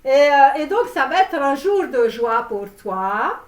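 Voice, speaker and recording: In a comic tarot reading, a woman voices a brash Romanian-American guru, a tarot reader and love coach, using a put-on Romanian accent and an over-the-top mood. Her high, very animated voice moves at a measured pace as she rambles theatrically and promotes herself. She's recorded in a roomy space with the mic at a distance.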